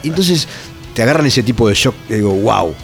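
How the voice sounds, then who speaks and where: A man's voice: medium pitch, animated, fast talker, faint music behind. A man with a Rioplatense Spanish accent, a touring metal musician chatting as an interview guest, rambling through stories with restarts and tag questions. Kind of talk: casual interview chat.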